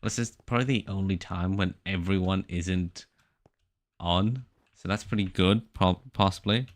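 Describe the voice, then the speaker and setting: A man's voice: sits low, unhurried. A man in his early twenties chatting casually to his live-stream viewers while playing, rambling and poking fun at himself. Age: about 21. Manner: rambling, self-mocking, joking chatter.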